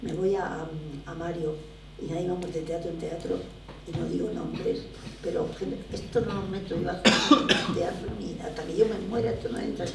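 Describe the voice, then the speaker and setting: With a crowd audible behind her, a gravelly older woman from Barcelona, Spain, speaks at a moderate pace and a fairly low pitch. She's a theatre producer appearing as a guest in a conversational interview, telling stories with animation and emphasis. The setting is a drama school lecture room, recorded with echo, distance, and faint noise.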